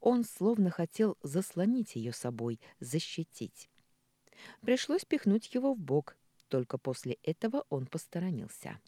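Expressive audiobook narrator, mellow tone. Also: mid-range voice, unhurried, no echo, studio quality. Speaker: audiobook reader. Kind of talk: scripted narration.

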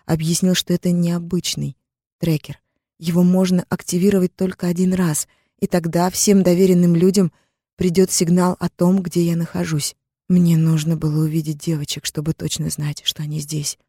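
Woman with a mellow, dark voice reading an audiobook. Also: on the low side, husky, dry recording, clean studio sound. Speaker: audiobook narrator. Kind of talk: first-person scripted narration.

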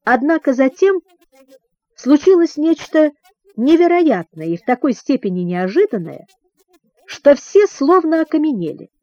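A woman narrating a children's adventure audiobook in an expressive, animated reading. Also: high voice, unhurried, no echo, muffled recording.

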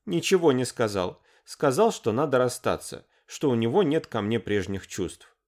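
A man reading the part of a young woman who is crying down the phone, high and plaintive in his delivery. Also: big pitch swings, moderate pace. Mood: tearful, upset.

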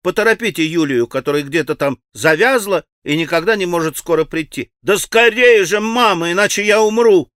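A man voicing an impetuous, bossy teenage girl who speaks in a loud, commanding, urgent way. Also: high-pitched, normal speed, hardly any pauses, clean tone, no echo, clean studio sound, pitched above the performer's own voice.

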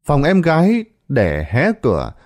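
A man narrating a scripted family drama story with a dramatic, expressive reading. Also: a little high, measured pace.

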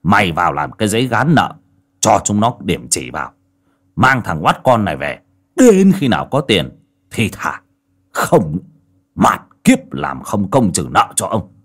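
Man doing a mean old landlord, gruff and barky, lowish voice. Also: sing-song, moderate pace, fairly bright tone, exaggerated voice. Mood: angry. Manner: gruff, barking orders.

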